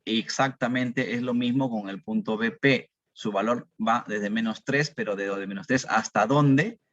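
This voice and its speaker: A man delivers a medical lecture, his voice sitting low. He poses questions to his students and answers them himself, repeating the figures. The recording sounds dull and dry, with no room echo. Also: a bit bright. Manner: explanatory, repeats key numbers, asks and answers own questions.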